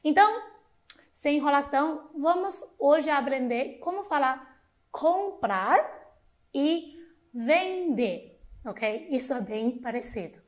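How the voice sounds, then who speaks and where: A woman with a Chinese accent and Mandarin as her first language, slowly and patiently teaching a short lesson on a talk show. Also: high-pitched, expressive. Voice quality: slow, patient explaining with repeated drilled syllables.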